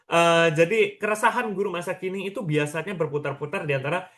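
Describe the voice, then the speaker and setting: Speaking fast, with a slightly high and somewhat bright voice, a webinar speaker from Lombok, Indonesia, addresses an online audience informally. He works in education and often turns to listeners with questions and tag phrases to keep things conversational.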